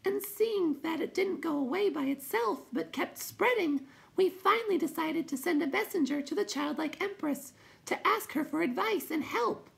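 A man reading aloud, voicing a jittery little will-o'-the-wisp in a high, creaky voice. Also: exaggerated voice. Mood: anxious. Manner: high, rapid, excitable. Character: jittery will-o'-the-wisp, a tiny bouncing light spirit.

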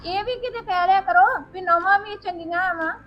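Very high, sarcastic woman. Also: normal speed. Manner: sarcastic, talking back. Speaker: actor playing a daughter-in-law. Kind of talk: Punjabi family web drama acting. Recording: slightly dull audio with music.

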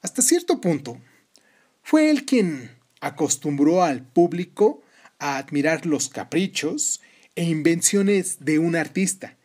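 A man hosting a podcast, reading scripted narration in a measured, formal way. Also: on the high side, big pitch swings, darkish tone. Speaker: podcast host.

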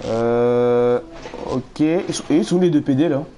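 A man commentating a horror game live, nervous and jittery, repeating words when scared, his voice going hoarse. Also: mid-range voice, slow, dark tone, soft background music. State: losing his voice.

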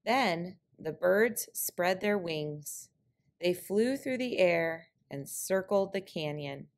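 A woman narrates a picture-book trickster tale. Her voice sits a little low, and she tells it very slowly, with deliberate, clear phrasing. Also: animated. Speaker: storyteller.

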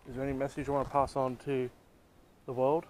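A young man filming a ghost hunt outdoors at night, reacting loudly and questioning a ghost app. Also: medium pitch, completely flat delivery, quick pace, slight background noise, poor audio. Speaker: ghost hunting vlogger. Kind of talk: casual night exploration vlog. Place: outdoors at night on old hospital grounds.

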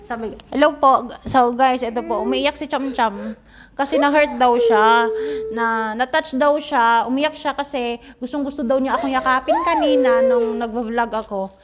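A woman's voice: high-pitched, lively intonation, normal speed, crowd noise. A young woman from Iloilo vlogging casually in an office, coaxing and affectionate, slipping English words into her talk. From Iloilo, Philippines. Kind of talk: casual home vlog chat. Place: office indoors.

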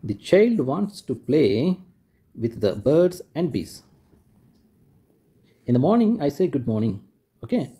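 A man with a warm, slightly rough voice on the high side teaches children a lesson from a school textbook. He patiently repeats and rephrases each point, pointing and demonstrating with "like this."

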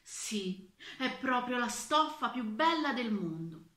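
A worried court official from a children's tale frets to himself in a slightly raised voice, as a woman puts him on. The timbre is bright. The reading sounds echoey. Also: a little high, animated, takes it slowly, pitched above the performer's own voice, full character voice. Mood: fretful. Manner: anxious, self-doubting. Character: worried male court official, self-doubting. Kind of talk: reading a children's storybook aloud.

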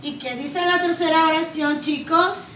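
A woman's voice: extremely high pitch, fairly bright tone, recorded from a distance, a little hiss or hum. A woman teaching young children to read, stretching out each syllable and calling the pupils her loves and princesses. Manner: slow, drawn-out syllables, affectionate address to pupils. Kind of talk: children's reading lesson. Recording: echoey room, voice from off the mic.

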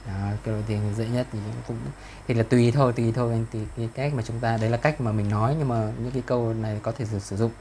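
A man's voice: medium pitch, fairly even intonation, mellow, slight background noise. Patient Vietnamese-accented male tutor. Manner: patient, slows down to model English phrases. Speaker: English teacher. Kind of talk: one-to-one online lesson, explaining in Vietnamese. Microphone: video call.

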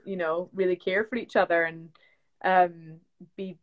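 A woman's voice: on the low side, fairly even intonation, unhurried, highs cut off. A young woman from the UK, chatting casually as a guest on a phone live stream, with lots of fillers like "like" and "um". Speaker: actress guest. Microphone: phone on a video live stream.

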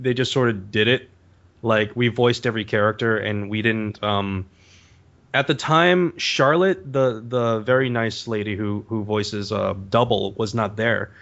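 A man guesting on a podcast as a voice actor, telling stories in a casual, animated way full of "like" and "um". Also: on the low side, dull audio. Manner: animated storyteller, peppered with "like" and "um".

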